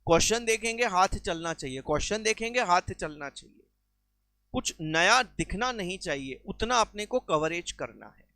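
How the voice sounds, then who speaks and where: A man's voice: high-pitched, expressive, moderate pace, sharp tone, no echo. A man teaching a recorded exam-prep lecture, explaining with everyday examples and mixing English terms into his speech.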